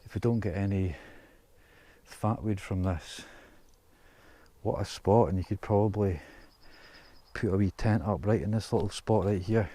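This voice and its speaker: A man's voice: lowish voice, normal speed, warm tone, dry recording. A man vlogging outdoors in pine woods, chatting and thinking aloud while he works, a little out of breath. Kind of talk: casual outdoor vlog narration.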